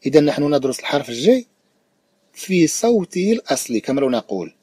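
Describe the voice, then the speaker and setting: A man with a Moroccan Arabic accent teaching a recorded primary-school French lesson, explaining slowly and repeating each sound and word several times. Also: a little high, big pitch swings, mellow, slightly rough, no echo.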